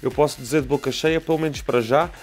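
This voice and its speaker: A man with a European Portuguese accent introduces a music app tutorial at a quick clip, addressing viewers directly. His voice sits a little high and stays eager throughout. Soft music plays faintly behind him. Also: steady tone. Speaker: music production channel host.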